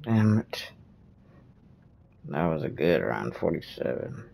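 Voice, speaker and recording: A man's voice: extremely low pitch, sing-song, takes it slowly, gravelly, a little mellow. A man giving casual, slangy, profane commentary as he plays a video game. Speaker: gamer.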